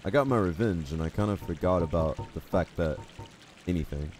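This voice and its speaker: Faint music plays behind an American streamer whose low-pitched, brisk, slightly mellow voice carries his rambling chatter as he games. He jokes about himself and reads viewers' chat out loud.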